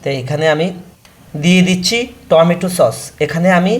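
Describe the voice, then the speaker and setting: High-voiced man teaching a cooking recipe. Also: fairly even intonation, slight background noise. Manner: slow, repetitive, instructive. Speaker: cooking channel host. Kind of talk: step-by-step cooking instruction. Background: frying and sizzling from the pan.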